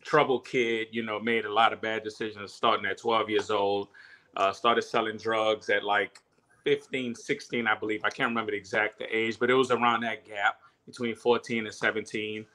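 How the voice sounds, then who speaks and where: Young guy from honduras, grew up in new orleans, bright voice, chill and testifying. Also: lowish voice, flat delivery, normal speed. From Honduras, raised in New Orleans. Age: young adult. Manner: laid-back, testimonial, faith-filled. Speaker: guest, speaker and author. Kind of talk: casual interview.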